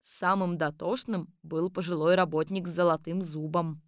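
Female audiobook narrator, dry studio, steady storytelling. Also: fairly low pitch, normal speed, no echo.

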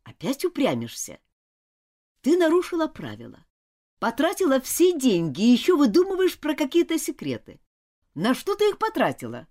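A woman's voice: medium pitch, huge pitch swings, normal speed, darkish tone. A woman voicing a strict, indignant older schoolgirl who questions insistently in a storybook reading.

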